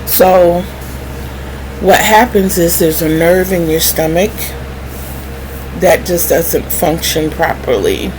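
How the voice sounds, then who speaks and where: Speaking very slowly in a slightly low voice, a middle-aged woman vlogger tells her viewers personal stories, candid and wry as she acts out remembered conversations. A clear background hum of noise runs through the whole recording.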